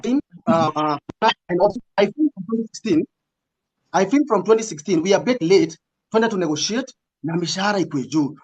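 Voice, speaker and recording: A man's voice: high voice, lively intonation, fairly quick, a little mellow, husky, highs cut off. A man with a Kenyan accent giving interview answers in casual, code-switching talk, earnest and emphatic, repeating phrases for stress. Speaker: recruitment agency representative, interview guest.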